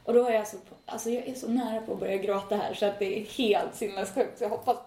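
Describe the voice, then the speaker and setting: A woman's voice: mid-range voice, steady tone, warm tone. A young woman in her twenties chatting casually as a podcast co-host, telling stories animatedly and acting out quoted dialogue. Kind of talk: casual chat. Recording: echoey room.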